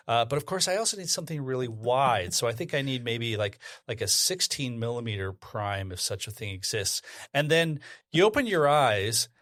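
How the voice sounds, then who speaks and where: A man's voice: mid-range voice, animated, moderate pace, few pauses, a bit bright, no echo. Guy cohosting a podcast, jokey and self-mocking, dry close sound. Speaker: podcast co-host. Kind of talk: casual chat.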